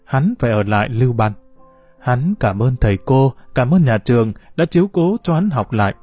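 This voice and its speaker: A man narrating a novel for an audiobook in a calm, measured storytelling voice. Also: medium pitch, no echo, soft background music. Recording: dull, slightly muffled recording.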